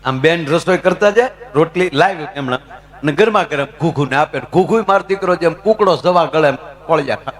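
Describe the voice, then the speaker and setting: On stage before a live audience, a middle-aged folk comedian from Gujarat, India, spins chatty stories and engages the crowd in his Gujarati accent. He speaks at a normal speed with a somewhat high voice.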